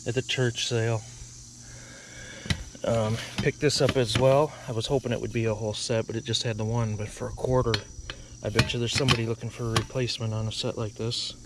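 A middle-aged male reseller narrates a casual vlog outdoors by his car trunk in a rural spot, showing off his haul. His mid-range voice stays level and runs a little fast as he thinks aloud in an offhand way, unsure what things are worth. The body-cam audio picks up insect noise.

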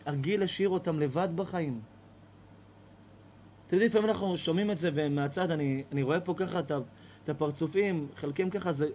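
A man's voice: on the high side, darkish tone, slight background noise. A man, a rabbi, giving a storytelling lesson to a live audience, repeating phrases as he tells it.

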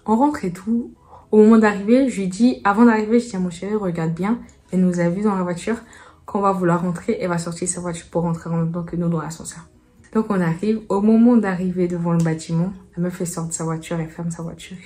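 A woman's voice: on the low side, a little mellow. A young woman telling a personal story to her viewers in a casual storytime. She talks in a chatty way, full of fillers, and acts out the back-and-forth dialogue as she goes. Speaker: vlogger.

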